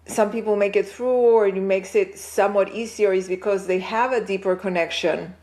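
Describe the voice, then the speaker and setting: A woman from Chile speaking as a guest on a podcast. She explains her ideas in a thoughtful, reflective way, pausing to check in with a quick "right?" as she goes. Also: mid-range voice, fairly even intonation, a little mellow. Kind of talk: casual interview chat.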